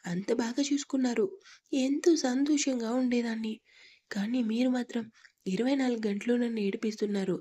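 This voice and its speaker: A woman voicing a pampered, frightened young wife in a storybook reading, pleading through sobbing complaints, with a husky tone. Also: fairly high pitch, a little fast, mellow. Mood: tearful pleading.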